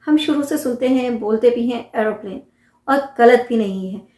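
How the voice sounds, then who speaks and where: A woman's voice: on the high side, moderate pace, darkish tone, roomy sound. A woman with an Indian accent explains English words in casual Hindi, repeating each term and asking the listener questions. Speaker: English vocabulary teacher.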